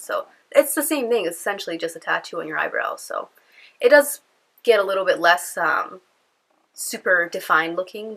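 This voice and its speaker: Filming at home indoors, a young beauty vlogger with a cold talks in a bright, nasal, lowish voice. Her casual vlog is chatty and rambling, thick with fillers.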